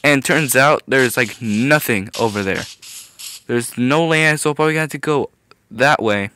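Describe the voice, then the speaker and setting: A man's voice: mid-range voice, moderate pace, a little hiss or hum. Young man swearing through casual game commentary. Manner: swears often, excitable, restarts sentences. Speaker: gaming video host.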